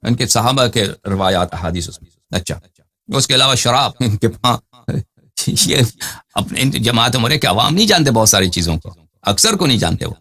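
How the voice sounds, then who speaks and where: A man's voice: medium pitch, very animated, bright, forceful tone. A man giving a scholarly lecture as a religious scholar, firing rhetorical questions and then answering them himself, and reading out citations and page numbers. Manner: cites texts and reads out page numbers.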